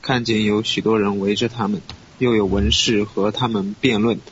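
Man reading scripture aloud, steady. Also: on the low side, moderate pace. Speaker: scripture reader. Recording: dull lo-fi recording with faint hiss.

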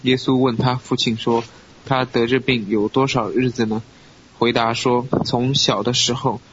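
Man reading scripture aloud, steady. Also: medium pitch, moderate pace. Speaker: scripture reader. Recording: dull lo-fi recording with faint hiss.

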